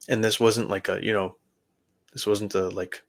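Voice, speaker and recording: A man hosting a podcast, telling his personal faith testimony in an earnest, halting way with many restarts. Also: on the low side. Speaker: podcast host.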